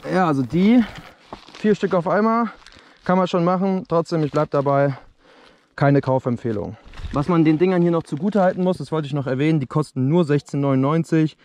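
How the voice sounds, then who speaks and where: With a brisk delivery and a fairly high, slightly mellow voice, a young fireworks host casually addresses his viewers. He's reviewing fireworks outdoors on bare dirt at dusk, and the clip comes from an action camera.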